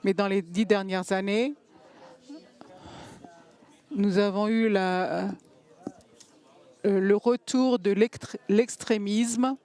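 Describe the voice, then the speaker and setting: Slow, halting woman interpreting a talk. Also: medium pitch, steady tone, darkish tone, clear, resonant tone. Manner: halting, pausing to find words. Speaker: simultaneous interpreter. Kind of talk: simultaneous interpretation of a panel talk.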